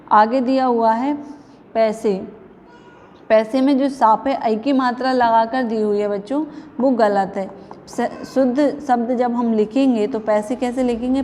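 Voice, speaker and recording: A woman's voice: fairly high pitch, a little mellow, big-room sound, slight background noise. A woman teaching young children a grammar lesson, patiently asking the class questions and repeating each answer. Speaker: primary school teacher.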